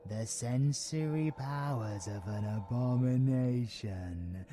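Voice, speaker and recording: In a villain audio roleplay, a British man voices a predatory, mocking vampiric abomination, savoring each phrase theatrically and slipping into breathy whispers with cold menace. His medium-pitched voice is mellow and natural, unhurried, over soft background music.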